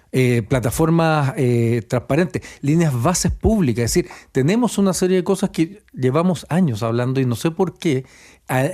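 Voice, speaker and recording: A man's voice: medium pitch, warm tone. A man with a Chilean accent, a guest on a radio panel, arguing earnestly and piling up lists of points. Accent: Chilean Spanish. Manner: earnest, argumentative, piles up lists.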